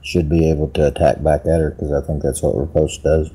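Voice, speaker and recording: A man's voice: extremely low pitch, level tone, fairly quick, warm tone, breathy edge. A man playing in a tabletop game session, thinking aloud about his moves in a hesitant way. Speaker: player. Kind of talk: casual tabletop game chat.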